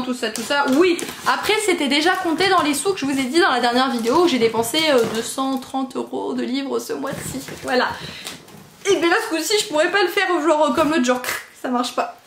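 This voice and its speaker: A woman's voice: sits high, a little hiss or hum. A woman book vlogger chatting casually and gushing over her new books as she unboxes them, giggly and self-mocking. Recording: echoey room.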